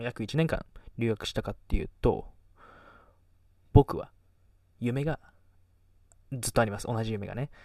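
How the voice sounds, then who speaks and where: Gravelly rambling young man. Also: medium pitch, darkish tone, dry recording, far from the mic. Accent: Kagoshima. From Kagoshima, Japan. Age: teens. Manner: rambling, self-deprecating, trails off mid-thought. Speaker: podcast host. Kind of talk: casual chat.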